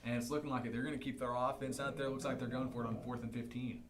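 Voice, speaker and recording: A young man giving color commentary for a high school football livestream, explaining plays and reading out other scores. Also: level tone, racing. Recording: roomy sound with noise.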